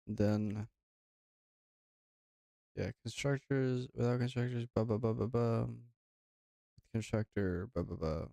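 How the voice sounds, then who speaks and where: A man's voice: medium pitch, steady tone, takes it slowly, creaky, pauses often, warm tone, no echo, muffled recording. A man livestreaming while coding, thinking aloud in a mumbling, trailing-off way. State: talking with his mouth full.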